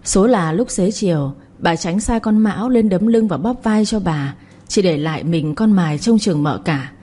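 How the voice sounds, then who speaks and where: A woman reads a serialized story aloud at a steady pace. Her voice sits low and sounds husky, with a dark, mellow tone. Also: normal speed. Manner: steady reading, voicing every character. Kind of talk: scripted story narration.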